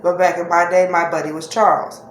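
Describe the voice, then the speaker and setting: A woman speaks in a low voice with little rise or fall. She shares personal stories in a casual, reflective and halting way, as if to regular viewers. The room echoes around her. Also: level tone. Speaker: vlogger. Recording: echoey room with faint-to-clear background noise.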